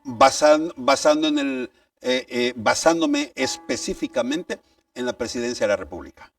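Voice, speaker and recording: Gravelly, animated male preacher. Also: mid-range voice, normal speed. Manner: emphatic, reads scripture aloud, asks rhetorical questions. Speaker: pastor. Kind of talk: sermon. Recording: distant mic, faint background music.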